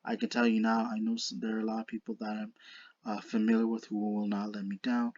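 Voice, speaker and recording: A man with a slushy lisp on his s sounds gives casual, unscripted commentary to viewers as a video creator, earnest and halting, often restarting his words. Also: lowish voice, completely flat delivery, a little mellow, no room sound, muffled recording. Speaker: video creator narrating a card game duel.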